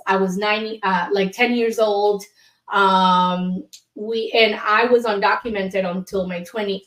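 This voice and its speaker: A woman's voice: mid-range voice, echoey room. A woman from Colombia, an immigration attorney, talking candidly as a guest in an interview with frequent fillers. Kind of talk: casual interview.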